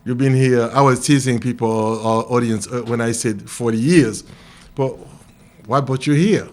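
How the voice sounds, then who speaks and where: A man's voice: mid-range voice, moderate pace, a little mellow. A man from Haiti co-hosting a talk show, who tells anecdotes in a jovial way and laughs at his own jokes. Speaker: co-host.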